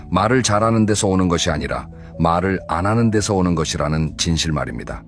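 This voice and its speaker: Calm low-voiced man giving advice. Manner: calm, measured, instructive. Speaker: narrator of advice talk for seniors. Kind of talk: scripted advice narration.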